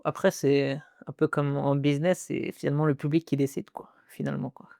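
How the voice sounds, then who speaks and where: A man hosting a podcast interview, relaxed and slangy, encouraging his guest. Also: a little high, brisk, creaky, dry recording, studio quality. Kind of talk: casual interview chat.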